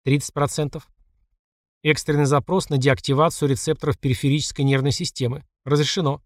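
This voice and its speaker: A man reading a first-person audiobook, who delivers the system messages in a clipped, flat report tone. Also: a little high, brisk, no echo, clean studio sound. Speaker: audiobook narrator.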